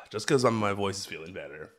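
With a low voice, lively intonation, and a moderate pace, an American podcaster talks through a wrestling recap by himself. The tone is casual and conversational, the delivery energetic and emphatic.

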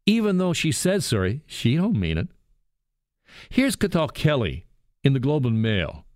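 A man's voice: medium pitch, wildly swooping pitch, measured pace, a little mellow, no room sound. A man hosting a radio talk show from a studio booth, chatty and jokey. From Canada. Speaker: radio host. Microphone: studio microphone.

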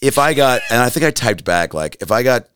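A man's voice: mid-range voice, big pitch swings, brisk, fairly bright tone, clear, resonant tone, no echo, studio quality. A man, a comedian guest on a podcast, telling a story in casual chat and acting out the quotes.

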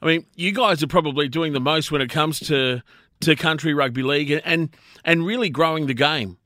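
An Australian man presenting on radio, with a slightly high voice and a dry, close sound. He chats casually and colloquially, like a mate, as he interviews his guest. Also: fairly quick, pushed and bright, no room sound. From Brisbane, Australia. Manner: matey, colloquial. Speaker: radio host.

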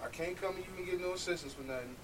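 A man's voice: high-pitched, rapid-fire, a crowd in the background, poor audio. A man talking casually in a group discussion, blunt, profane and slangy.

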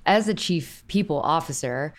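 Enthusiastic low-voiced woman hosting an interview. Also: animated. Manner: bubbly, enthusiastic, quick bursts. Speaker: podcast host. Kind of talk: conversational interview.

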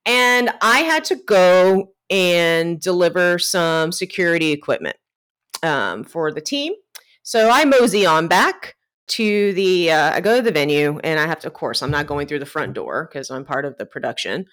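A woman co-hosting a podcast, telling a story in a casual, animated way, laughing often and swearing freely. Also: on the low side, normal speed, smooth. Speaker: podcast co-host.

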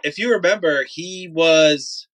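A man's voice: a little high, measured pace, over a noisy crowd. A man in a casual sports debate, making his points emphatically and repeating them for emphasis. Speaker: sports podcast panelist.

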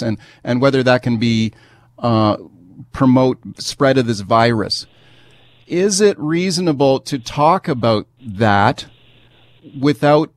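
A man's voice: mid-range voice, no echo, studio quality. A man hosting a radio talk show, questioning his guest in a conversational way, full of hedges and fillers. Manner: conversational, hedging, lots of fillers.

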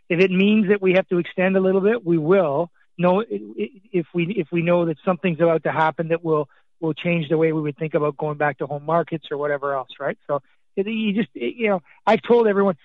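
A soccer league executive, Scottish-born but brought up in Canada, stumbles through a radio interview, full of fillers, restarts, and repeated words. He speaks in a high voice over a dull, dry remote connection without echo.

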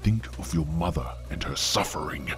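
A man's voice: very deep voice, normal speed, noisy background. A man voicing a whispering painted shadow creature. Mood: coaxing whisper. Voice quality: hushed, breathy, tempting whisper. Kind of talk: horror story narration.

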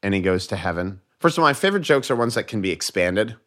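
An American man, a comedian guest on a podcast, telling jokes in casual chat and doing quick voices for the people in them. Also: fairly low pitch. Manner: animated storyteller, voices joke characters.

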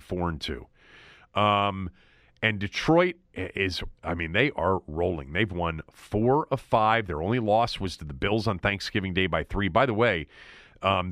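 A man with a low voice hosts a sports talk podcast, chatting loosely and restarting his sentences as he goes. His voice is wearing thin and he sounds like he is losing it. The sound is dry and close. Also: a bit bright, no room sound. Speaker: podcast host.

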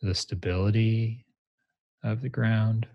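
A man with a fairly low voice leads a grounding exercise as a meditation teacher. His delivery is gentle and measured, in short phrases, with a creaky, husky grain. The sound is dry and close. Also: steady tone, dry recording, lo-fi sound. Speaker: meditation teacher, interview guest.

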